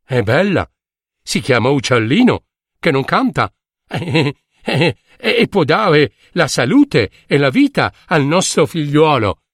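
A man voicing a troubled, gentle king who muses aloud. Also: fairly high pitch, very animated, takes it slowly, no echo, studio quality, heavily acted. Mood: musing.

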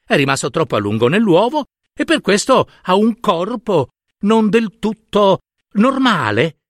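A man voicing a protective, proud mother duck in a storybook reading, with a high sing-song quacking manner. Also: very animated, a little slow, no room sound, studio quality. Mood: firm.

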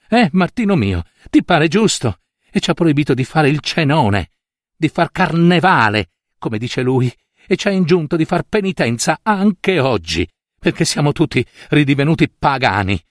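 A man's voice: on the high side, dry recording, clean studio sound, voice pushed up. A man voicing an elderly devout aunt who laments and exclaims with pleading questions.

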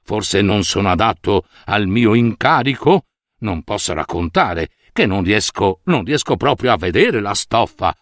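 A man voicing an anxious, flustered old male minister in a read-aloud fairy tale, muttering low to himself and then gushing in a high voice. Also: sing-song, a little slow, no room sound, studio quality. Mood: worried muttering.

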